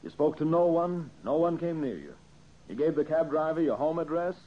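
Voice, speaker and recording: Playing a brisk, confident detective in a vintage radio mystery, an actor sounds animated and natural, his voice a little high at a moderate pace. He lays out the case with emphasis, assured and accusing, while slight background noise sits under the muffled old radio sound.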